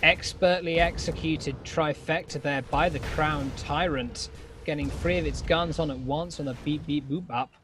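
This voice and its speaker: A man giving color commentary on a video game match, with a voice a little higher than most men's. He mixes light jokes in with his play descriptions, and he lets out loud, surprised exclamations when the action turns. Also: fairly even intonation, normal speed, noisy background. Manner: playful, jokey asides, loud surprised exclamations. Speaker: esports co-commentator.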